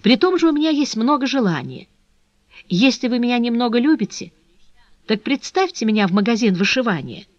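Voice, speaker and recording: A gentle young noblewoman in mourning, earnest and composed, her voice moving freely in pitch, as a woman reading aloud puts her on. The sound is dry and close, with a dull, lo-fi tone. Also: big pitch swings, a little fast, no echo.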